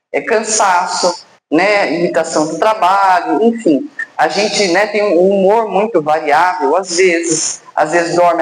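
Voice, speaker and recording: A Brazilian woman giving a personal testimony talk at a spiritist center, telling her story dramatically, acting out dialogue and pausing for suspense. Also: lowish voice. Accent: Brazilian Portuguese. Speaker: guest speaker at a spiritist center. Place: spiritist center hall, indoors. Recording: echoey room, faint background noise.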